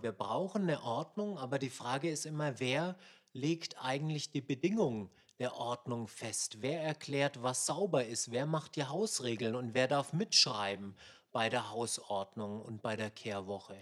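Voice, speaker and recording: A man's voice: mid-range voice, measured pace, a bit bright. A man hosting a radio discussion, thinking aloud in a questioning way with some fillers. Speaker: radio show host.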